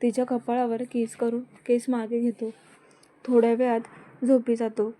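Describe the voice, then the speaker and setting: A woman reading a romance story aloud in a plain, steady way. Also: fairly high pitch, moderate pace.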